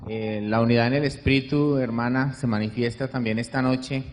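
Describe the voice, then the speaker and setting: A man's voice: medium pitch, steady tone, normal speed. An earnest man from the congregation gives a formal testimony. He keeps turning back to address the woman leading the meeting. His voice carries a long reverb, as in a large hall. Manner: earnest, repeats "hermana" often. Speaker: congregation member.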